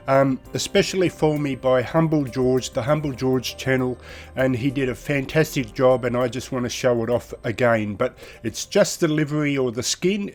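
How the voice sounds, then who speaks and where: A man hosting his sim racing channel in a casual, chatty way, his voice nasal and congested from a head cold. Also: mid-range voice. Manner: chatty, rambling, enthusiastic. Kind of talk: casual video commentary.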